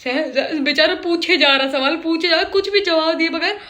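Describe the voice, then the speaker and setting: A woman's voice: very high-pitched, steady tone, moderate pace, pushed and bright. A woman reviewing a TV episode in casual chat, emotional and dramatic, repeating herself for emphasis and mixing in English phrases. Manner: emotional, switches between Hindi and English mid-sentence. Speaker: show reviewer.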